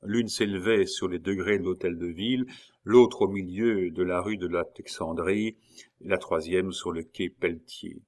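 A man reading a historical novel aloud in a measured, dramatic narration. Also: low voice, steady tone, a little mellow. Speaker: audiobook narrator. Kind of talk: scripted narration.

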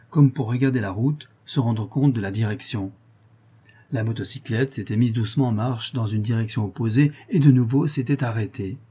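Husky, dark-voiced male narrator. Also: mid-range voice. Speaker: audiobook narrator. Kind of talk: scripted narration.

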